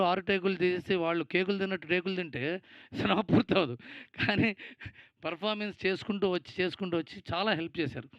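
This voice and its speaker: A man's voice: high-pitched, no room sound, lo-fi sound. A Telugu-accented man giving a producer's speech at a film event, rambling, thankful and teasing. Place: event stage.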